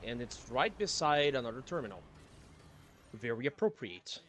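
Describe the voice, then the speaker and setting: A man's voice: mid-range voice, sing-song, moderate pace, a bit bright, a little hiss or hum. A man streaming from his apartment, giving casual gameplay commentary in a grumbling, sardonic manner and swearing often. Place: home apartment.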